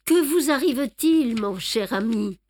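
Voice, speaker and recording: A woman's voice: a little high, measured pace, husky, voice pushed up. A woman reading aloud and voicing a fussy, self-satisfied older male detective who boasts of his clever plans. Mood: reassuring. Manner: boastful, explaining, lively emphasis. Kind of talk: audiobook reading.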